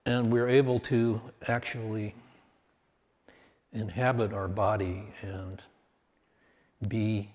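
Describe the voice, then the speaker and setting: Leading a guided meditation, this man keeps his pitch fairly low and his manner calm. His phrases are short and measured, with long silences in between.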